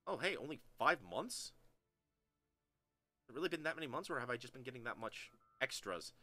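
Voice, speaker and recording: A man giving casual, excitable commentary while playing a strategy game, often trailing off mid-sentence. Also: mid-range voice, a little fast, dry recording, soft background music. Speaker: gameplay commentator.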